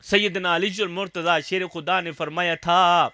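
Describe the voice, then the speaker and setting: Male Saraiki preacher, high bright voice, impassioned declamatory sermon delivery. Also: fairly even intonation, no room sound. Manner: emotional, declamatory, rises to shouting; addresses listeners as brothers.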